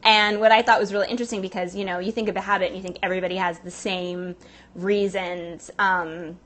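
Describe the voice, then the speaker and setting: A woman with a Southern California accent talks casually to a livestream audience from a Pilates studio. She rambles through her points with plenty of ums and breaks off to greet viewers. Her pitch sits in the middle for a woman. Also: level tone, fairly quick, a bit bright. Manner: chatty, rambling, many fillers, reads viewer comments. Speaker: livestream host.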